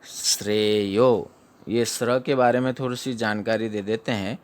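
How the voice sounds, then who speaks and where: A man teaching how to pronounce a recited verse, breaking words into syllables, repeating them slowly and asking and answering his own questions. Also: mid-range voice, fairly even intonation. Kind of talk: slow syllable-by-syllable pronunciation lesson.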